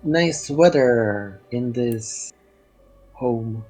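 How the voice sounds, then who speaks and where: A player doing a socially awkward loner adventurer in a tabletop game, slow, breathy, odd cryptic small talk, some music behind. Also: medium pitch, lively intonation, mellow, full character voice. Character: awkward, unsociable adventurer Rose. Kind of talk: playing a character in a tabletop game.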